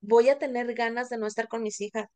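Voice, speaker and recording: A woman's voice: on the high side, steady tone, a little fast, a little mellow. A middle-aged Mexican woman co-hosting a podcast, talking candidly and casually with plenty of fillers. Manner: candid, confessional, many fillers. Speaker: podcast co-host.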